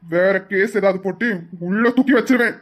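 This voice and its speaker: A performer playing a young husband in an audio drama, hard and stern, laying down firm warnings to defend his wife. Mid-pitched and steady. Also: a little fast, close to an everyday voice. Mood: angry. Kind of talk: amateur Tamil audio drama.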